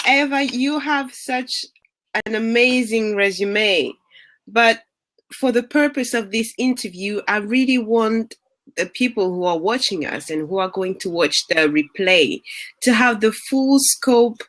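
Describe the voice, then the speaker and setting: Slow-speaking French-accented woman host. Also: a little high. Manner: warm, effusive, laughs often, slow and deliberate. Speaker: interview host. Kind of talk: hosting an online interview series.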